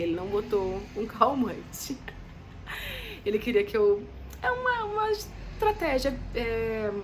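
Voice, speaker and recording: A woman's voice: medium pitch, a little hiss or hum. A young woman, telling a story to her viewers in a chatty, dramatic way. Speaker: vlogger. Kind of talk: casual storytelling to camera.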